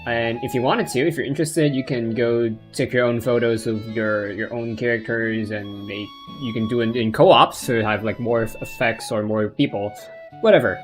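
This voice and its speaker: A man streams a video game with casual live commentary. He talks in an offhand, hesitant way and rambles from thought to thought. Soft plucked guitar music plays faintly behind his mid-pitched voice. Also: fairly even intonation, moderate pace.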